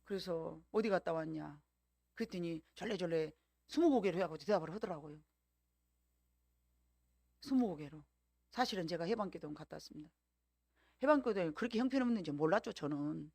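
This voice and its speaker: A woman pastor with a Jeolla Korean accent preaches in lively storytelling fashion, now and then acting out the voices of people in her stories. Her voice carries a gravelly fry, and the recording is close and dry with no room sound. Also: on the low side, brisk, pauses often, dry recording. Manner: lively storytelling with acted-out quotes. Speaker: senior pastor. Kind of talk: sermon.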